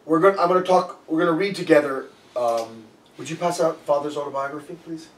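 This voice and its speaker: A man's voice: a little high, fast. A man giving a conversational sermon, telling a story in a loose way and often restarting his sentences. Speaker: preacher. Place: church sanctuary. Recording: echoey room, voice a bit far from the mic.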